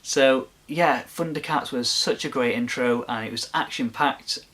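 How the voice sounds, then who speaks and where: A man's voice: mid-range voice, unhurried, fairly bright tone. A man hosting his own video, talking casually and gushing with enthusiasm in a rambling way. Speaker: video host. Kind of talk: casual chat to camera.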